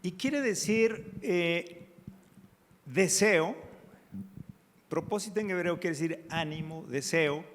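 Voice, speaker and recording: A man preaches a sermon at an unhurried pace, drawing out his prayer phrases before pressing his teaching points with emphasis. His voice sits a little high for a man. The sound rings with the long reverb of a church hall. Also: a bit bright. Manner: slow, prayerful, drawn-out phrases.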